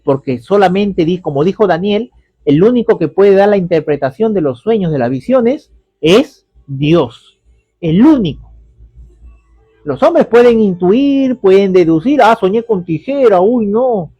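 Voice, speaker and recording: A man's voice: high voice, lively intonation, unhurried, breathy edge, dry recording, muffled recording. A male pastor giving a conversational sermon full of rhetorical questions and tag questions.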